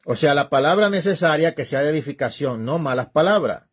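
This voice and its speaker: Male preacher, slightly high voice, informal and scolding, emphatic delivery. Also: animated, brisk.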